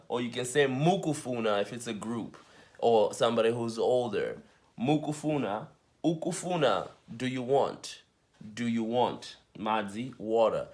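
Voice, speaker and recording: A man teaching a casual language lesson, saying each word again and again and spelling some out letter by letter. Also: medium pitch. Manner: repeats words slowly, spells them out letter by letter.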